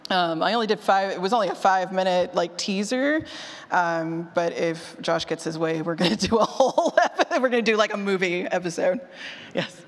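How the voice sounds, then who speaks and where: Speaking at normal speed in a voice on the low side, a woman leads an informal workshop on audio drama writing at a conference and answers questions. She is chatty and self-deprecating and quick to laugh, and the hall's long reverb echoes around her.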